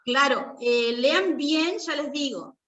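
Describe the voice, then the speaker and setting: Woman teacher, high voice, unhurried, sounds far from the mic. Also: fairly bright tone, lo-fi sound. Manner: patient, repeats checks like "¿sí?" and "¿está?". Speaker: English teacher. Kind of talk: online class explanation.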